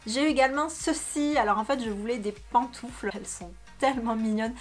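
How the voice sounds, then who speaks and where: A woman's voice: a little high, a little fast, soft background music. Chatty young woman, bubbly and self-mocking. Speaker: vlogger. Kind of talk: casual chat. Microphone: studio microphone.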